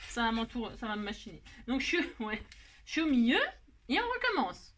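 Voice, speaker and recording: A woman's voice: on the high side, fast talker, a little hiss or hum. A woman hosting a card-making tutorial, chatting casually and joking about her own mistakes while she works. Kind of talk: casual self-mocking craft tutorial.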